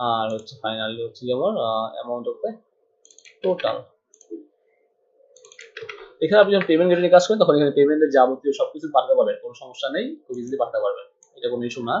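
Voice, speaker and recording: A male programming tutor from Bangladesh talks through a coding tutorial captured on screen, thinking out loud as he types and blending in English vocabulary. His mid-range voice is a little mellow, and the audio is dull and lo-fi.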